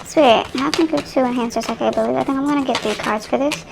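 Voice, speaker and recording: A woman's voice: sits high, very fast, creaky, background noise. A young woman giving a casual tarot reading to viewers, chatty and rambling as she addresses them directly, recorded on a phone. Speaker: tarot reader. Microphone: phone microphone.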